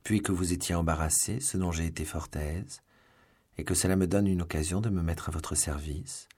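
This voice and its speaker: A man's voice: low voice, fairly even intonation, normal speed, darkish tone, slightly rough. A man voicing a brave, gallant young swordsman in an audiobook. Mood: ardent. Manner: bold, gallant. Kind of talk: audiobook reading.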